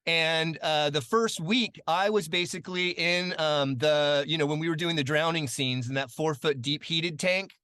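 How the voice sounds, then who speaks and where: A chatty man in his late forties tells stories as a podcast guest, his voice bright and a little high for a man. He talks loosely with lots of ums, and his voice perks up whenever he quotes someone. The sound is dry and close. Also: normal speed, few pauses, clean tone, no echo. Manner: chatty, many fillers, animated when quoting. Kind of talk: casual storytelling interview.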